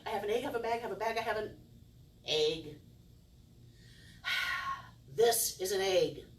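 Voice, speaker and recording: A middle-aged woman plays a kids' party magician, addressing her audience with playful, theatrical flair, exaggerated wonder and mock confusion. Her voice is medium-pitched and her pace measured. She performs in an indoor room with a small curtained stage, captured by a distant camera mic that gives a roomy sound with faint noise.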